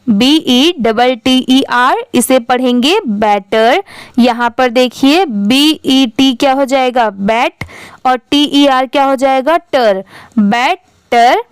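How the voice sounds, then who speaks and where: A woman teaching English reading, spelling words letter by letter and blending them slowly while prompting students with questions. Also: high-pitched, clear, resonant tone, no room sound. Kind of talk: step-by-step phonics lesson.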